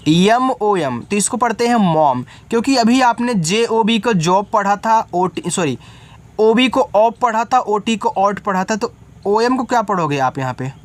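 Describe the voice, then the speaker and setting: Speaking a little slowly in a high, expressive voice, a man helps beginners learn to read English. He breaks every word into its letters, explains what it means, and regularly makes sure the learner follows.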